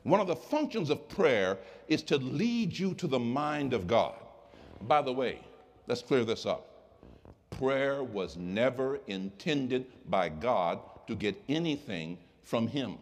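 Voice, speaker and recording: A male pastor preaching a sermon, swinging from quiet asides to impassioned shouts. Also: medium pitch, expressive, slow pace, a little hiss or hum.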